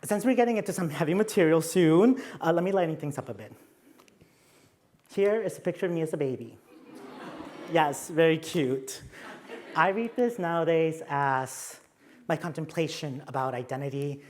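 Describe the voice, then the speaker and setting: Presenting slides at a conference, this young Mexican man speaks at normal speed in a fairly high-pitched, darkish voice with a Mexican accent. He keeps things light with playful jokes at his own expense.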